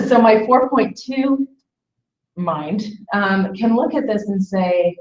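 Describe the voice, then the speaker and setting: A woman in her early forties hosts a webinar, chatting casually and reflectively, feeling her way through phrases and checking for agreement. Her medium-pitched, darkish voice moves at a slow pace. The audio is distant, echoey, and muffled.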